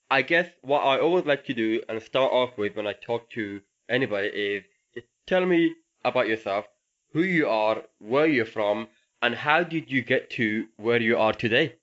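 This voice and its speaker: A man's voice: medium pitch, a bit bright, highs cut off. A man hosting a casual interview podcast in a conversational way. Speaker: podcast host.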